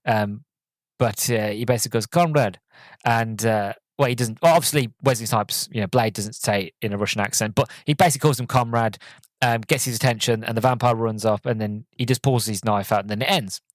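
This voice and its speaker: A man hosting a solo podcast, recapping a film in a loose, rambling way with many fillers and restarts and sudden bursts of excitement. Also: fairly low pitch, brisk, no room sound. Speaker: podcast host reviewing a film.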